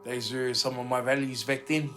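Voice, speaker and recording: A man's voice: medium pitch, level tone, moderate pace, a bit bright, soft background music. A man with a New Zealand accent talking casually and off the cuff. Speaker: documentary participant. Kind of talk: casual unscripted talk.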